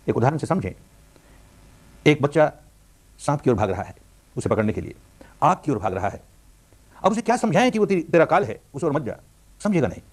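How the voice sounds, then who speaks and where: Older male meditation teacher, brisk and highly animated delivery for a spiritual discourse. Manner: animated, rising and falling emphasis, storytelling.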